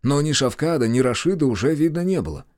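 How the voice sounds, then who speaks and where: Male narrator for a gritty first-person audiobook, animated delivery, dry studio sound. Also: fairly high pitch, quick pace, no echo. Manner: lively, acts out shouts and dialogue.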